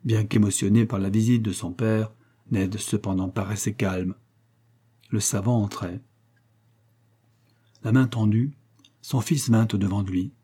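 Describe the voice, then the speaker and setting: A man narrating an adventure novel in a measured, even reading. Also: lowish voice, breathy edge. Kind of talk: audiobook narration.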